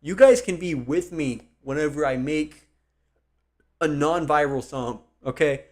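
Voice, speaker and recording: A young man chatting on a live stream from his computer desk, rambling and thinking aloud, speaking louder than his usual soft voice to project. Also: a little high, expressive, measured pace. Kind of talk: casual live-stream chat.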